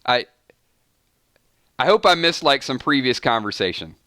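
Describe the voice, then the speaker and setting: On a casual fan live stream, a male host speaks in a bright, forward, medium-pitched voice with a smooth, clean tone at normal speed. Animated, he keeps cutting himself off mid-sentence to react to chat, repeating "hold on" and "wait a minute." The sound is close and dry, with no room sound at all.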